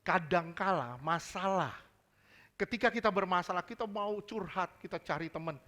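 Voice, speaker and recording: A man's voice: high voice, moderate pace, pushed and bright. A male pastor preaching a sermon in a church service. He is emphatic, mixes casual slang into his preaching and quizzes the congregation with repeated questions.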